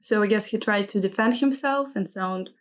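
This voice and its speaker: Hosting a vocabulary lesson at normal speed in a mid-range voice, a non-native English speaker carefully reads sample phrases aloud and asks about their meanings, probing with curiosity.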